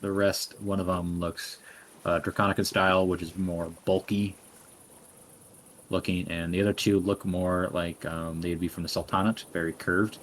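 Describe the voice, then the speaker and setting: A man narrating a tabletop game as dungeon master, relaxed and rambling with fillers. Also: sits low, moderate pace, a little hiss or hum.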